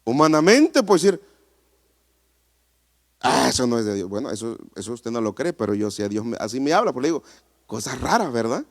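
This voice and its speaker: Lively animated preaching pastor. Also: male voice, mid-range voice, quick pace. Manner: animated preaching, rhetorical questions to the congregation. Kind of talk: sermon. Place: church.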